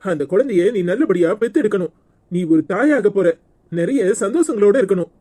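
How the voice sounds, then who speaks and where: In a melodramatic village serial, an actor plays a male brother-in-law who is protective and earnest but short-tempered, here in a consoling mood. The voice is medium-pitched, expressive, a little fast and dark-toned, sounding natural.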